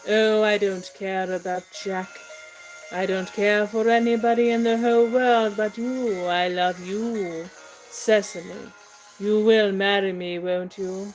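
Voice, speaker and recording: A woman playing a lovestruck, impulsive young gentleman suitor in a comic stage play, with halting, effusive declamation. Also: medium pitch, fairly even intonation, faint music behind, lightly acted, rough recording. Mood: ardent.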